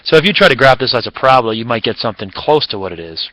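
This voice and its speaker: A man's voice: medium pitch, big pitch swings, very fast, pushed and bright, dry recording, low-quality recording. A man teaching a recorded math lesson in a casual, chatty way, with fillers and self-corrections.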